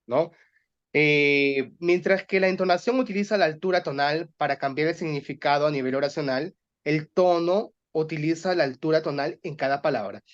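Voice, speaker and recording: A man's voice: fairly high pitch, muffled recording. A man leading a voice workshop for teachers, explaining and demonstrating exercises aloud.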